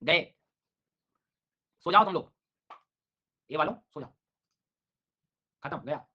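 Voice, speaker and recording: A man's voice: a little high, expressive, slow, bright, forceful tone, slightly rough. A middle-aged male teacher giving an online exam-prep lecture, teasing his students with jokes while drilling names over and over. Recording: dull lo-fi online class audio.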